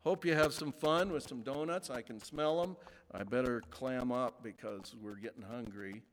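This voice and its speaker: A male pastor preaching a sermon in a church, speaking slowly with emphatic pauses. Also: medium pitch, a little hiss or hum. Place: church sanctuary. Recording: long reverb of a large sanctuary.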